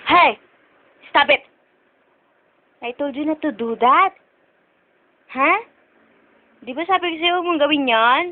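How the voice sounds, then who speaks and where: A woman's voice: high-pitched, fast, few pauses. A woman talking to her pet cat in coaxing baby talk, then scolding it in a mock-stern way, on a tinny home video. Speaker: pet owner.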